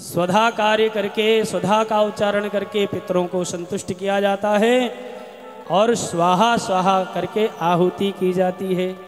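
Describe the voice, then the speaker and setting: A man with a high, measured voice delivers a devotional scripture discourse, chanting verses in a melodic style between slow spoken passages. His voice rings with long reverb through a large hall, with soft music underneath. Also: steady tone. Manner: chants Sanskrit verses in a sung style, then explains in speech. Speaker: katha preacher.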